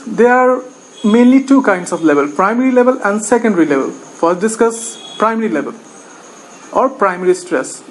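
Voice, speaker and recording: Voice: mid-range voice, poor audio. A teacher giving a recorded lecture, methodically reading out lists of example words one at a time.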